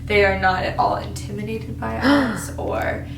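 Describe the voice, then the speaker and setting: A woman's voice: mid-range voice, measured pace, creaky, echoey room, over music. A woman casually describing what she senses during a ghost hunt, in noisy on-location vlog sound. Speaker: paranormal investigator sensing spirits.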